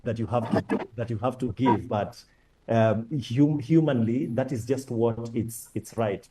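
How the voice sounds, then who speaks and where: A man speaking as a panel guest, earnest and halting, often repeating and restarting his words. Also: medium pitch, mellow, a little hiss or hum, poor audio. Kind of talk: conversational panel talk.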